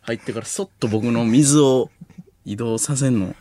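A man with a Kansai accent, hosting late-night comedy radio, casually bantering and reading listener cards with quick jokes. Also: medium pitch, slight background noise. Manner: lively, quick joking reads of listener cards. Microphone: studio microphone.

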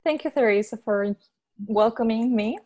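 A woman from Venezuela answers interview questions in English. Her voice sits a little high. She speaks in a friendly way and often pauses or hesitates as she answers. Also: mellow. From Venezuela, raised in Peru. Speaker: guest.

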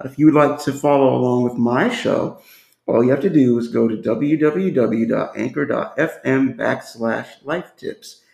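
A man's voice: medium pitch, gravelly, a little mellow. A man hosting a self-improvement podcast interview, speaking in a friendly, loose way with plenty of fillers and restarts. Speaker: podcast host. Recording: roomy echo.

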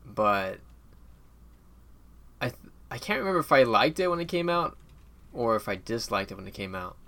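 Young male co-host, casual, halting, pokes fun at himself. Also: medium pitch, sing-song, fairly bright tone. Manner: rambling, halting, self-mocking. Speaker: podcast co-host. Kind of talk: casual chat.

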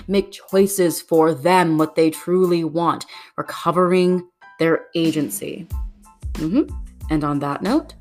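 A woman hosting a podcast interview, speaking in an encouraging, conversational way. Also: on the low side. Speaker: podcast host.

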